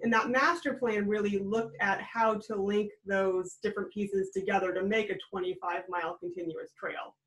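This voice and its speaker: On a rough webcam recording, an American woman in her thirties speaks at medium pitch in a steady, somewhat bright tone, at normal speed with few pauses. As a guest and regional trail program director, she explains warmly and upbeat from a small room at home during a video-call interview.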